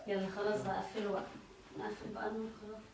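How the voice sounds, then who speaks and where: Fast-talking Egyptian mom, teasing. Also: female voice, medium pitch, level tone. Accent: Egyptian Arabic. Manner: teasing, coaxing, laughing. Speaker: mother and vlogger. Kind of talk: casual family chat. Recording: echoey room, mic far off, faint noise.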